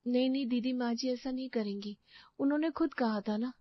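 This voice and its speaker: A woman's voice: a little high, a little fast, dry recording, muffled recording, voice pushed up, close to an everyday voice. A woman voicing a trusting young daughter-in-law who talks earnestly. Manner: earnest, pleading.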